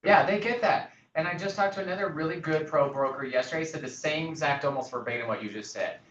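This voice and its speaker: A man's voice: a little high, fast, fairly bright tone. A man who works as a real estate broker, talking in a casual podcast discussion and acting out phone calls as he tells stories. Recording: roomy, distant, dull sound with faint noise.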